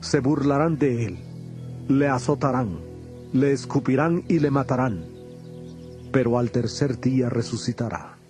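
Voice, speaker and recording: An actor playing Jesus as a grave, patient teacher in a dramatized audio Bible, speaking in a solemn, measured way. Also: male voice, medium pitch, darkish tone, faint music behind, close to an everyday voice. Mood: grave foretelling. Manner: solemn, deliberate, measured delivery.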